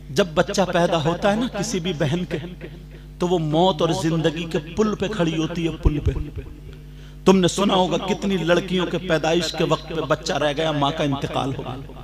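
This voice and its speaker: A male preacher delivering an Islamic sermon, telling a cautionary tale in a drawn-out sung cadence and then dropping to plain speech to appeal to listeners. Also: fairly high pitch. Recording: voice over loud music. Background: music.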